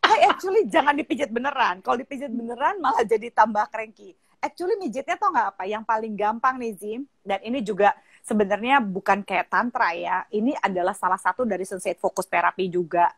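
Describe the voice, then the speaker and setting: A woman hosting a casual live-stream chat as a sex therapist, switching between Indonesian and English, laughing often and slowing down to demonstrate, talking on a phone from home. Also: on the high side, expressive, husky, dry recording. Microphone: phone or video call.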